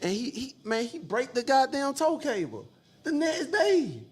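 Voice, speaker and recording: A man telling a story in casual talk, profane and animated, repeating "you know what I'm saying". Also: extremely high pitch, unhurried, husky. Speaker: storyteller guest.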